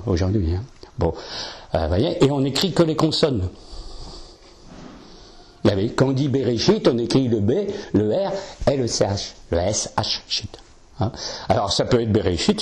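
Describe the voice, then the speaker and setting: A man's voice: lowish voice, darkish tone. A man giving an informal lecture to a live audience, explaining as he goes with many fillers. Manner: chatty, explanatory, frequent "hein" and "euh".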